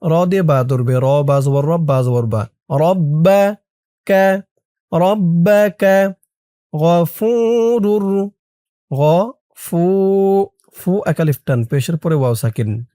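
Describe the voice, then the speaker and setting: A man teaching Quran reading. He recites slowly, draws the words out long, then breaks them into syllables and explains how to pronounce them. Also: mid-range voice, mellow, no echo, clean studio sound.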